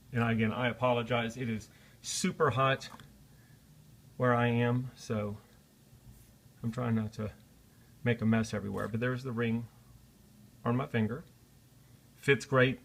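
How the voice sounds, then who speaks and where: A man's voice: medium pitch, fairly even intonation, normal speed, long pauses, a bit bright. A man presenting a casual unboxing vlog, talking in a friendly, apologetic way with frequent "uh" fillers. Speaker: product reviewer.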